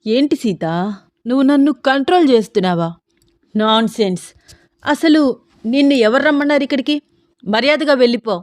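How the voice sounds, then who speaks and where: A woman voicing a heartbroken young male doctor who drinks and smokes, gruff and dismissive. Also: medium pitch, moderate pace, long pauses, a little mellow, dry recording, clean studio sound, lightly acted. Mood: bitter, angry.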